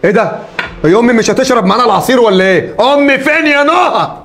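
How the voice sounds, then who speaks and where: A man's voice: very high voice, lively intonation, fast talker, gravelly, a bit bright, faint music behind, exaggerated voice. An actor playing a bewildered young man in a comedy skit, asking questions in a pleading way. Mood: confused. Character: baffled young man searching for his mother.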